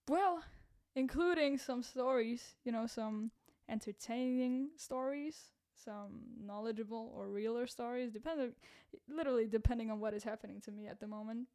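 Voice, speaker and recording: A woman hosting her first casual solo podcast, rambling and self-deprecating, with a rough voice that cracks and frequent laughs at her own jokes. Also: fairly high pitch, a little mellow. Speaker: podcast host and content creator.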